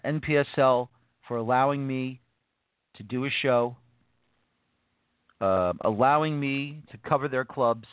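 A man's voice: medium pitch, dry recording. A man hosting a casual soccer interview show, rambling and repeating himself with many fillers. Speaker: podcast host. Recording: dry phone-like line.

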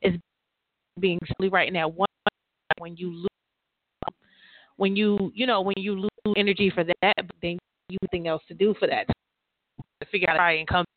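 A woman's voice: fairly low pitch, steady tone, normal speed, pauses often, no echo. Rambling woman heard over a phone line. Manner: rambling, restarts often, calls the listener girl. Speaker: author and publisher leading a writers' call. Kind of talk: casual call with a writer. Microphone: laptop with headphones. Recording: tinny, dry call audio.

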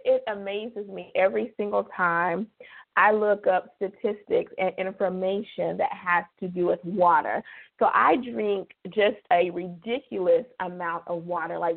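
A woman with a mid-range, slightly hoarse voice calls in to a radio show over the phone. She's chatty and stretches out key words for emphasis. The talk is casual and devotional.

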